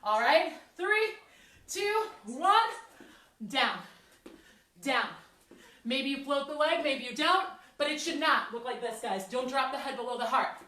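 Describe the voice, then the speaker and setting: Breathless high-voiced woman fitness instructor. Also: expressive, measured pace, pushed and bright. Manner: encouraging, counting down reps. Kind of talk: workout class instruction. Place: fitness studio. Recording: echoey room, mic at a distance.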